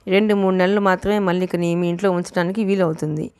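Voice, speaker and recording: A woman's voice: lowish voice, steady tone, quick pace, darkish tone, smooth, no room sound, close to an everyday voice. A woman voicing a capable woman lawyer who speaks bluntly.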